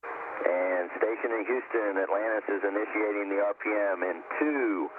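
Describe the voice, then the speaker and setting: A man giving calm, measured call-outs as a spacecraft commander over a crackly space-to-ground radio link. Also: on the low side. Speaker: shuttle commander. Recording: tinny radio link with hiss.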